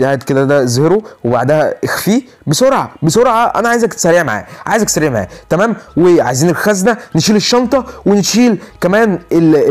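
A man with an Egyptian Arabic accent giving excitable live gameplay commentary, repeating himself rapidly and pleading and joking with his viewers. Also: a little high. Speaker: gaming YouTuber.

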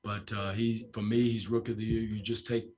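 A man in his sixties, a basketball coach, answers postgame questions into a table microphone in a press room. His voice sits low and stays level, with little rise or fall. He talks in a measured way, restarts often, and leans on fillers. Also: level tone, a little mellow. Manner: measured, repeats phrases, frequent fillers. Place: press room with sponsor backdrop. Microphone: table microphone in front.

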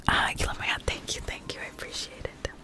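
In an indoor bedroom lined with plush toys, a young woman in her late teens streams ASMR with a studio mic right in front of her. She whispers quickly, reading viewers' chat messages out loud and responding to each.

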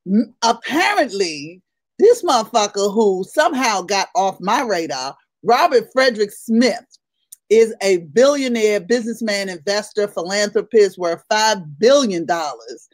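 A woman co-hosting a casual morning chat show, loud and laughing as she tells stories and gossips. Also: medium pitch, lively intonation, measured pace, no echo. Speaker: co-host.

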